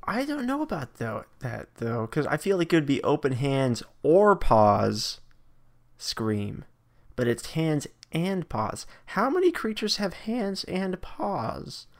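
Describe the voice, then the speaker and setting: A man's voice: fairly high pitch, sing-song, takes it slowly. A man co-hosting a casual comedy chat who picks apart wording with dry, quizzical questions. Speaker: podcast co-host.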